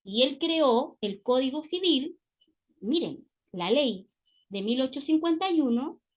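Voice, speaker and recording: Woman, Chilean accent, teacher, classroom lecture, step-by-step explaining, frequent tag questions, slightly high voice. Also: lively intonation, a little slow, lo-fi sound.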